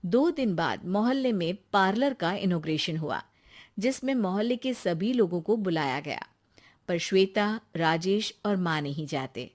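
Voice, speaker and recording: A woman giving scripted narration for an animated bedtime story, in an even, plain storytelling manner. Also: fairly low pitch, unhurried.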